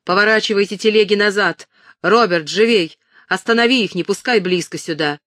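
A woman voicing a frightened, flustered older male merchant who shouts and pleads in panic. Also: high-pitched, measured pace, no echo, studio quality. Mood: panicked.

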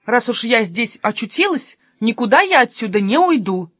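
A woman voicing a strict, bossy aunt who rules the house, sharp and commanding. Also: fairly high pitch, very animated, moderate pace, no echo, studio quality. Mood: stubborn. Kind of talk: storybook reading.

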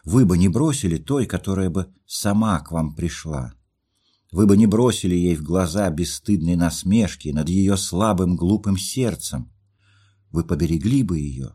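A man's voice: sits low, lively intonation, moderate pace, warm tone, breathy edge. A man reading a story aloud, voicing a hurt young woman who pleads through tears. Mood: distraught. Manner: impassioned, pleading questions.

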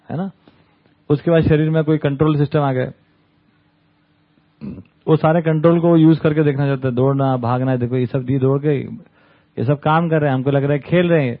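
A man giving a conversational talk to a study group, often checking in with little tag questions. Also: a little high. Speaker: camp speaker. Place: camp hall with an audience. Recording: tinny phone-like sound.

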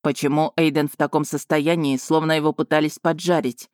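A weary, suspicious male werewolf investigator from a fantasy audiobook, voiced by a woman narrator. His lines come short and sharp, slightly lower than the narrator's own voice, recorded dry and close. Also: fairly even intonation, brisk, no room sound, close to an everyday voice. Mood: curt. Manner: curt and sharp.

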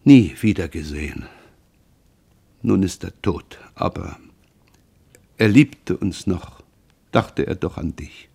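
A man reading the lines of a grieving, frightened mother in an audiobook, in a slow, mournful confessional manner. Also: sits low, animated, vocal fry, warm tone, breathy edge, full character voice.

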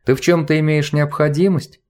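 A man's voice: a little high, fairly even intonation, a little fast, a little mellow, pitched above the performer's own voice, lightly acted. A man voicing a haughty, lazy boy priest of about twelve who speaks in a curt, restrained way in a storybook reading. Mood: aloof.

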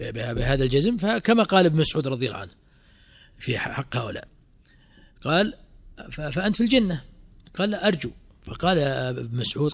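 A middle-aged man teaching a religious text in class, quizzing students with rhetorical questions and fillers. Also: on the high side. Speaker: sheikh teaching a creed commentary.

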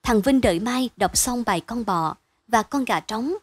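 Female storyteller for a bedtime story: calm, measured, fairly high, dry close recording. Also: no room sound.

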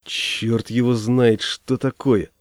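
A man's voice: mid-range voice, level tone, takes it slowly, no room sound, clean studio sound, lightly acted. A man voicing a fussy folksy fish keeper. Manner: coaxing, folksy and chatty.

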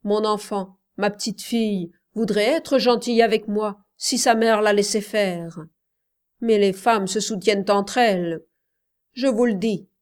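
A woman voicing a stubborn coal miner who speaks slowly, harshly and heavily. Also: mid-range voice, steady tone, darkish tone, close to an everyday voice. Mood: bitter. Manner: slow, harsh, heavy.

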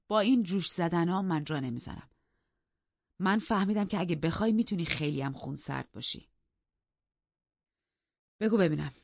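A woman's voice: sits low, no room sound, lo-fi sound. A woman playing a weary, insistent young husband. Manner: steady, insistent and pleading. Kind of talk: audiobook character reading.

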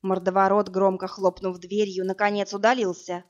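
A woman reading a first-person story aloud as narrator, in a steady, even storytelling manner. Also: mid-range voice, normal speed, a little hiss or hum. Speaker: audiobook narrator. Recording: dull lo-fi audiobook, faint music.

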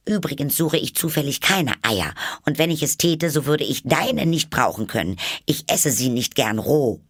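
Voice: mid-range voice, lively intonation, moderate pace, fairly bright tone, no room sound, studio quality, pitched above the performer's own voice. A reader voicing a truthful little girl who protests earnestly and a little hesitantly, in a storybook reading.

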